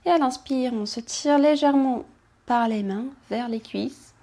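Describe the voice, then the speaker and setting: A woman instructor calmly guiding a pilates class, cueing movements and counting, with soft whispered asides. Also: on the high side, a little slow. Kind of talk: guided exercise class instruction.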